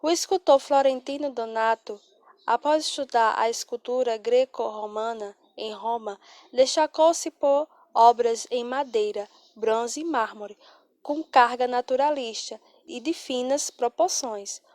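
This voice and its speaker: A woman teacher, reading an art lesson in a measured way. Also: a little high, a little mellow, dry recording.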